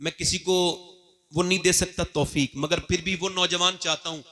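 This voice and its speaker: A male preacher delivers an emotional sermon to a gathering, his voice pitched high and bright. He talks with passion, and his appeals swell into pleading cries. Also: fairly even intonation, normal speed. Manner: impassioned, rising to pleading cries. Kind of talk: emotional Urdu-Hindi sermon. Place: religious gathering.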